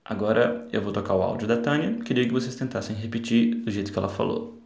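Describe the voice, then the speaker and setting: Gravelly-voiced man teaching a language podcast. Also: on the low side, fast talker, a little mellow, echoey room. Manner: explanatory, addresses learners directly. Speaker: podcast host and English teacher.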